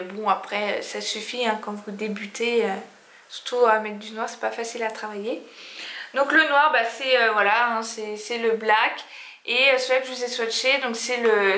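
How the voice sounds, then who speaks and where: A woman's voice: fairly high pitch, a bit bright. A woman reviewing makeup in a casual vlog, talking hesitantly with many fillers and restarts. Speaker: beauty vlogger. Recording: echoey room.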